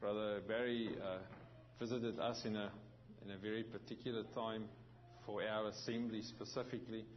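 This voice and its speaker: A man with a lowish voice and flat delivery preaches a sermon as a visiting pastor, halting often with restarts and fillers. He's from South Africa, and his South African accent carries a hint of New Zealand. The audio is dull, with slight background noise.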